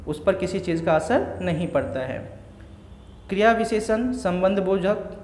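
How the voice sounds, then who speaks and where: A male school teacher with a high-pitched voice explains grammar, listing example words one by one at a slow, steady pace. He is recorded in a room with a strong echo and a long reverb tail. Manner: slow, repeats examples one word at a time. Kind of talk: grammar lesson.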